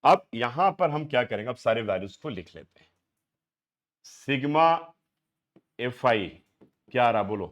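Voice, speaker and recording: A man's voice: mid-range voice, animated, unhurried, pauses often. Man from india, middle-aged math teacher, classroom lecture, quizzing students step by step. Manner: questioning students, mixing Hindi and English.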